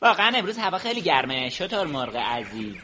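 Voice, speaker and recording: A woman voicing a small, clever young hedgehog, calm and determined, in a children's story. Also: deep voice, a little hiss or hum, heavily acted. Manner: calm, earnest, steady.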